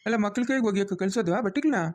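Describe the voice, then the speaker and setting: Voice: medium pitch, animated, very fast, a little mellow, lightly acted. A cartoon voice of a stern, protective middle-aged village father, lecturing bluntly.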